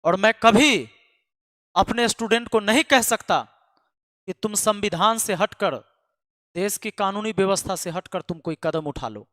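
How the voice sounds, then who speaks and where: A man's voice: sits high, a little slow, a bit bright, no room sound, studio quality, long reverb tail. A man who teaches math online, speaking to his students in an emphatic, scolding way and repeating lines for force. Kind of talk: impassioned address to students.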